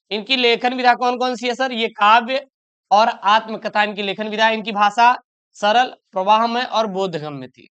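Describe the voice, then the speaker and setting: A young male teacher giving an exam revision lesson, chatty and repeating key answers through quick questions to the class. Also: extremely high pitch, sharp tone, clean tone.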